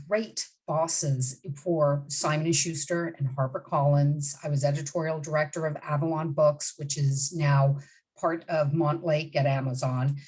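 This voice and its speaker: A woman's voice: low voice, poor audio. Direct, emphatic woman in her fifties. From Bahamas. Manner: direct and emphatic, with many asides and restarts. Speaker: literary agent, guest. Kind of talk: interview answers.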